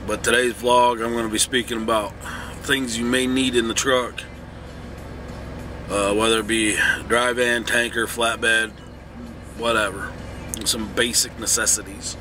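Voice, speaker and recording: A middle-aged man records a casual vlog, sounding sick, drained and groggy, almost hungover. His talk is folksy and plainspoken, at an ordinary male pitch. Music plays clearly behind his voice. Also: level tone, measured pace, pauses often. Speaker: truck driver vlogger. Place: truck cab.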